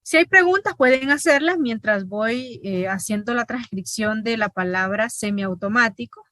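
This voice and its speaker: A woman lecturing in an online linguistics class, her voice bright and a little high. She explains each point step by step and keeps checking in with the class. The sound is dry and close. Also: normal speed, no echo. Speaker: linguistics teacher.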